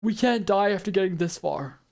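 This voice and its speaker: A man's voice: high-pitched, brisk, vocal fry, darkish tone. A man voicing an earnest, resolute teenage boy fighter who narrates a video game story. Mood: desperate resolve.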